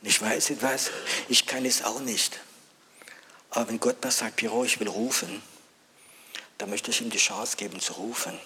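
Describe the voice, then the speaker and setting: Preacher swinging from hush to urgent calls. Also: male voice, mid-range voice, fairly even intonation, moderate pace, pauses often, slight background noise. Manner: swings between hushed near-whispers and loud urgent calls; asks the audience questions. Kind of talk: sermon.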